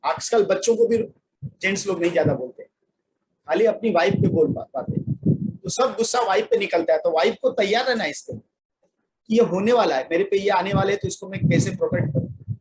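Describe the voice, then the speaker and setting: A man's voice: high voice, brisk, a little mellow, poor audio. A man giving a relationship coaching workshop, talking conversationally and asking his listeners questions, with a playful, joking touch. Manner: conversational, addresses the audience directly with questions. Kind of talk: workshop talk.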